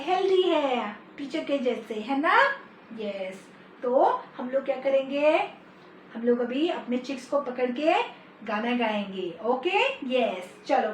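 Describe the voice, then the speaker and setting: High-pitched Indian teacher, echoey room. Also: female voice. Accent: Indian English. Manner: sing-song, slow when reciting, mixing Hindi and English. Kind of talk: online nursery-class lesson. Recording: echoey room, voice off-mic, faint hiss.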